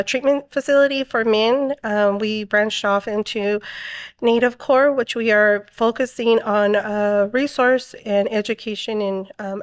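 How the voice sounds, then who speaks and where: A woman from Arizona, a guest in an interview, speaking haltingly with many pauses and frequent throat clearing. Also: a little high, no echo, studio quality. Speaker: guest, project coordinator. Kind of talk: casual interview talk.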